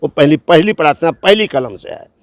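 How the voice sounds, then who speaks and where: Male local candidate, mid-pitched, eager and agreeable, dry close sound. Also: animated, normal speed, no echo. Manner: eager, assenting, lists plans. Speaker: village council candidate. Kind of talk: interview answers.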